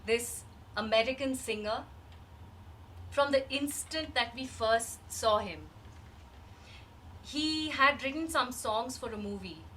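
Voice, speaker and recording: A woman playing a grieving, wistful woman in a rehearsed reading of a dramatic monologue, measured and halting with long pauses. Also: fairly high pitch, sharp tone. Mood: wistful, reflective. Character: grieving woman recalling a dead loved one, wistful and searching. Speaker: actor in a rehearsed reading of a play. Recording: distant microphone, faint background noise.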